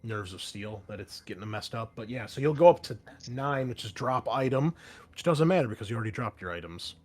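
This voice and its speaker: A man with a fairly low voice hosts a tabletop roleplaying game, switching between conversational rulings and dramatic, descriptive narration.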